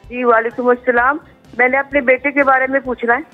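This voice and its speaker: A woman with a Karachi accent calls in over a thin, phone-like line. Her voice sits high, and she speaks politely and haltingly, repeating herself. Faint music plays under the call. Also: little pitch movement. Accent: Karachi Urdu. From Pakistan. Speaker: caller.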